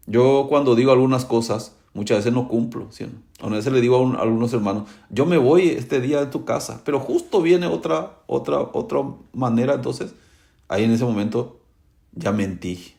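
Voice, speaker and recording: A middle-aged male pastor preaching a sermon, asking the congregation to answer back and acting out the quoted dialogue with big swings in pitch. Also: vocal fry, darkish tone.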